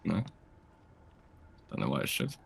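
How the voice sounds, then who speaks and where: A man's voice: low voice, huge pitch swings, a little slow, vocal fry, a little hiss or hum. A man talking casually with friends while playing a building game, giving short dry replies. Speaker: co-player. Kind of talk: casual multiplayer game chat.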